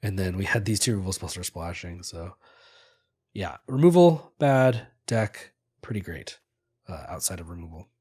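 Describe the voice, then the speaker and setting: A man's voice: low voice, moderate pace, husky. A man with a congested, nasal voice from a cold, casually recapping his card game deck for his video audience with lots of fillers. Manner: relaxed, filler-heavy, upbeat. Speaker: gaming video creator.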